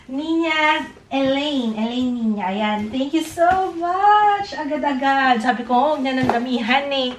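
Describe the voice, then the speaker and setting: High-voiced Filipino woman vlogging at home. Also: a little slow, hardly any pauses. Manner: chatty, mixing Tagalog and English, squealing excitedly at times. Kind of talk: casual family vlog, unboxing. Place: home, indoors. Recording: noisy home recording.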